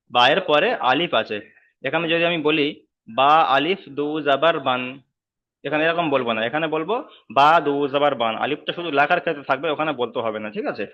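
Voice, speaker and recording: A man teaching Quran reading in an online class, patient, repeating each sound slowly over a video call. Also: a little high. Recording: slightly dull online call audio.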